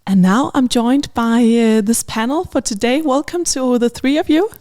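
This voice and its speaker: A woman's voice: on the high side, a little mellow. Woman hosting a panel podcast. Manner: friendly, moderating with quick acknowledgements. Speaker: podcast host. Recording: faint music in the background.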